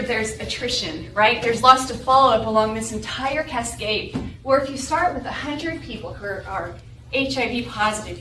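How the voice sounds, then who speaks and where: Standing at a lecture-room podium, a young guest lecturer from New Mexico and Texas delivers an academic seminar talk in a fairly high, slightly bright voice carrying a light Southwestern accent and a North Carolina drawl. She explains things and often checks in with the audience by adding "right?". The sound, captured by a far camera, is echoey room audio from far off with background noise.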